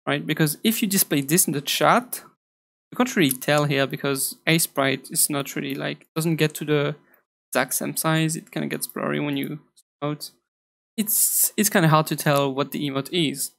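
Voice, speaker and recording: A hoarse man talks through a screen-recorded tutorial in a loose, chatty way, restarting sentences as he goes. His voice sits a little high for a man and carries a gravelly fry. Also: fairly bright tone. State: hoarse from a long recording session. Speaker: pixel art tutorial creator.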